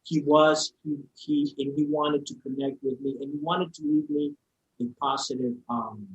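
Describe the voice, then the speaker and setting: A man's voice: fairly high pitch, expressive, normal speed, highs cut off. A man telling a personal story as a podcast guest, heartfelt and open, often repeating and restarting his words. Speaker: interview guest.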